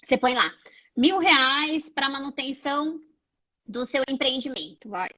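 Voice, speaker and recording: A high-pitched woman speaks casually as a financial coach over a video call on earphones. Her internet connection breaks up and cuts her words off, and the sound is dull and lo-fi. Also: unhurried, pushed and bright. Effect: choppy internet call audio breaking up. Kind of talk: casual live-stream chat.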